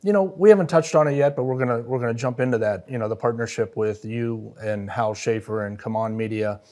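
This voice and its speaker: A middle-aged man hosting a studio podcast, easygoing and affirming as he leads the conversation on a boom-arm mic. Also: a little fast, dark tone. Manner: affirming, easygoing, laughs often. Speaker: podcast host. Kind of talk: casual interview chat. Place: wood-paneled podcast studio.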